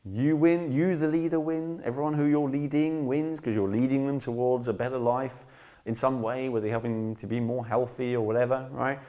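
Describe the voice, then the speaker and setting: A man's voice: medium pitch, fairly even intonation, brisk, dark tone. A man teaching an online course in a casual, rambling lecture, emphatic and blunt, often checking in with "right?". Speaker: course instructor.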